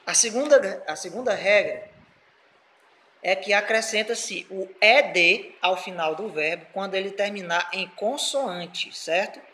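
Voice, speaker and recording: A man's voice: high voice, measured pace, bright, forceful tone, a little hiss or hum, poor audio. A man with a Brazilian Portuguese accent, explaining grammar rules as a teacher and checking in with his students often. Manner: patient, checks in with "certo?" often. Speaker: English teacher.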